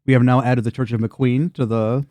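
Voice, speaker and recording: A man's voice: mid-range voice, steady tone, normal speed, mellow, no room sound. A man narrating a tabletop fantasy game as game master, in a casual, chatty, sweary style.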